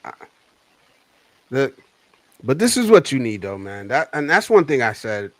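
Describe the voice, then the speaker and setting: A man with a mid-pitched voice moderates a casual group chat. He is reassuring and slangy, repeating phrases as he makes his point. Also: very animated, a little slow, no room sound. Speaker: livestream moderator.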